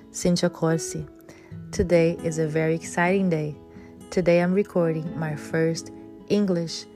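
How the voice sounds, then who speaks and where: Hosting her podcast, a middle-aged woman from Brazil tells a personal story in a low-pitched voice. A native Portuguese speaker with a Brazilian accent, she comes across as earnest, pausing haltingly, using many fillers and laughing softly.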